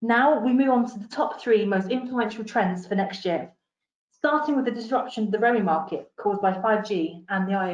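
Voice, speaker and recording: A woman walks through an analyst briefing in a steady, explanatory voice. Her voice carries a noticeable room echo, and the recording sounds a little dull and muffled. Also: mid-range voice. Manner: measured and explanatory, with occasional restarts. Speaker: industry analyst. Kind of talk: presenting a research briefing.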